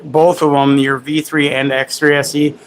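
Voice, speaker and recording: A man's voice: on the high side, flat delivery, normal speed, slight background noise, rough recording. A man hosting a casual livestream, demoing camera gimbals and chatting with viewers in a rambling, self-correcting way. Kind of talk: casual live product demo.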